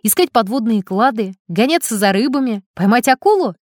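A woman's voice: on the high side, lively intonation, fairly quick, no room sound, natural voice. A woman voicing a bold, boastful adult male diver in a storybook reading, eager and commanding, in a dry close recording. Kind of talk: storybook character voice.

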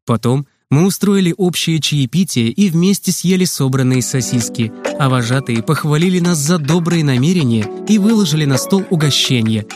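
A man reading a children's story aloud in a lively, expressive way. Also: on the high side, moderate pace, hardly any pauses, faint music behind. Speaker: narrator.

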